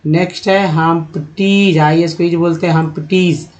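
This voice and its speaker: A man teaching English reading, slowly sounding out words and spellings one by one for his students. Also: fairly high pitch, fairly even intonation, darkish tone. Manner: slow, drawn-out word-by-word pronunciation drills. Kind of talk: spelling and pronunciation lesson. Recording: dull lo-fi audio.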